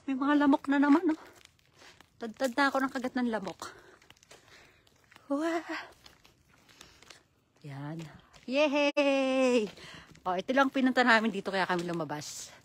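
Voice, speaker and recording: A woman films a casual travel vlog on a phone as she strolls hotel grounds after dark. She talks in an unhurried, chatty way, laughing often and mixing in Japanese words. Her breath is short from the cold, and a faint hiss runs under the recording. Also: sits high, lively intonation. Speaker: travel vlogger. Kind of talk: casual walking vlog narration. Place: outdoors at night on hotel grounds.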